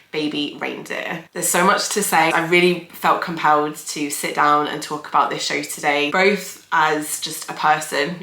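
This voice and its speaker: Talking casually on her channel, the young therapist sounds a little nasal thanks to hay fever. Her low-pitched voice is bright and forceful, the sound reverberates, and her delivery is chatty and reflective with lots of fillers.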